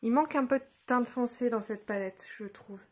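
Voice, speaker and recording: A young woman casually talking through a makeup tutorial, relaxed and hesitant with lots of fillers, recorded on a phone at home. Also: fairly high pitch, moderate pace. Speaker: beauty vlogger. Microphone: phone camera.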